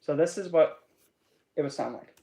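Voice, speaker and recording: A speaker giving a casual esoteric teaching talk as a spiritual teacher, in a rambling, animated, chatty way. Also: medium pitch, normal speed, creaky, slight background noise.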